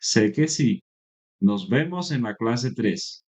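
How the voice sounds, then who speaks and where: Slow, mellow-voiced male Spanish teacher. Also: mid-range voice, animated, slight background noise. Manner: slow, careful, encouraging delivery. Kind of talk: scripted lesson narration.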